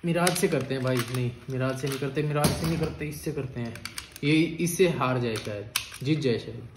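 A man giving casual, excitable commentary on toy battles as a video creator, chatting to his viewers. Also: medium pitch, a little fast. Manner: chatty, excitable, calls viewers "bhai" and "guys". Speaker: YouTuber. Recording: echoey room with loud noise.

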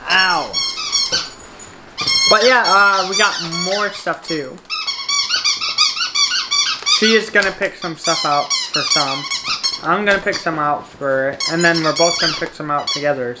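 A female vlogger with a notably low voice hosts a casual taste-test vlog, her pitch swooping wildly as she talks in an unhurried, easygoing way, pausing often and trailing off with fillers. A clear background noise runs beneath the home recording.

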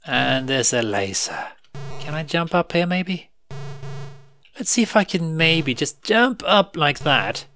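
Slow, bright-voiced man grumbling over gameplay. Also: a little high, big pitch swings, faint music behind. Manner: exasperated, sarcastic grumbling with frequent laughs. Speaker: retro gaming video host. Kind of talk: live gameplay commentary.

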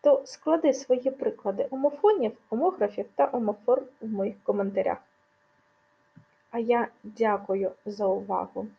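A woman teaching a scripted video lesson with a slightly high, gravelly and mellow voice. She explains each point clearly and leans on the example words. The recording sounds dull and lo-fi. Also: normal speed. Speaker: language teacher.

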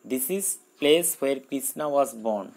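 Man, exam-prep teacher, slow careful reading, then quick explanations. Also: medium pitch, lively intonation, darkish tone, rough recording. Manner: reads English questions slowly, explains in Bengali. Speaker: English teacher. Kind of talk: exam-prep grammar lesson.

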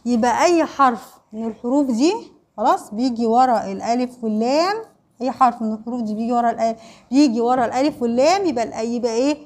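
A woman teacher with an Egyptian accent giving an online primary school Arabic lesson, quizzing pupils with questions she answers herself and checking in with short tags. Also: fairly high pitch. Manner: repeats "خلاص؟" and "ماشي؟" to check understanding.

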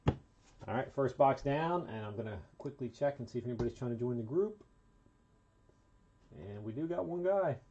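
Gravelly-voiced man calling out card pulls. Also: medium pitch, animated, moderate pace, pauses often, warm tone, highs cut off, slight background noise. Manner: upbeat, rattles off player names and serial numbers. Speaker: card break host. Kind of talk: casual live commentary opening card packs.

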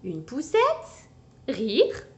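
Animated sing-song woman reading to kids. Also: on the high side, very slow, lo-fi sound. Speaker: children's story reader. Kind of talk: reading a picture book aloud for children.

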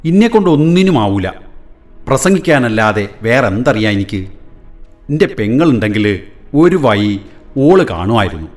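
A man's voice: medium pitch, very animated, normal speed, long pauses, soft background music, lightly acted. A man voicing an elderly mother who fusses and scolds. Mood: fussing. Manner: scolding, fussing, plain-spoken. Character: elderly mother, worried and down-to-earth.

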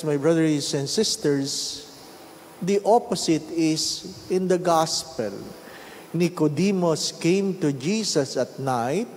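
An older man with a Filipino accent, a priest reading the gospel and preaching a homily at a measured pace, switching between English and Tagalog, into a handheld microphone in a large church. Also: a little high, a little mellow. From Philippines. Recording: long church reverb, faint hiss.

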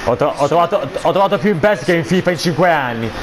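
A man giving excited football video game commentary, explosive and foul-mouthed, cursing between shouted player names. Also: fairly high pitch, fast, background noise.

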